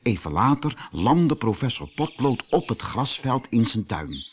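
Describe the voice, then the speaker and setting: Man reading a children's story, very expressive. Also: mid-range voice, unhurried, a little hiss or hum. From Netherlands. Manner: lively, expressive read-aloud for children. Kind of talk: audiobook fairy tale narration.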